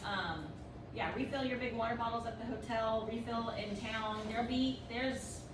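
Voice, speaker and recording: A woman's voice: a little high, moderate pace. Matter-of-fact woman, distant and noisy. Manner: practical, matter-of-fact advice. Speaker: trip co-leader. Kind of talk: casual travel briefing. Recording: echoey room from far off, loud noise.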